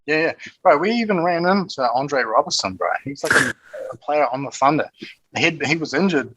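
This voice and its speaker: A man's voice: on the high side, animated, a little fast, noisy background. A man with a broad New Zealand accent chatting casually and telling stories in slangy, sweary, matey language. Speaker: podcast guest. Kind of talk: casual chat, storytelling.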